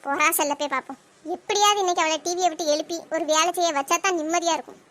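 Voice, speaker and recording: A woman's voice: very high-pitched, fast, fairly bright tone. A woman voicing a scheming, grumbling older mother-in-law in a cartoon. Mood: scheming grumble. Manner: grumbling, scheming muttering to herself. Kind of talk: cartoon voice acting.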